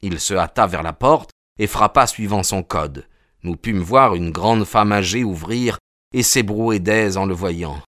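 A man narrating a novel as an audiobook in a measured, literary way. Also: deep voice, a bit bright, dry recording, clean studio sound.

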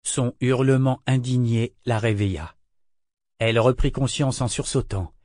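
Male audiobook narrator, measured and steady, mid-range voice, dry close recording. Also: mid-range voice, no echo. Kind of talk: scripted narration.

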